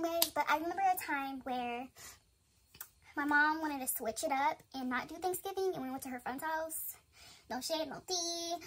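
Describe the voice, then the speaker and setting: A young woman chatting casually to camera as a beauty vlogger, slang-heavy and laughing often. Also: high-pitched.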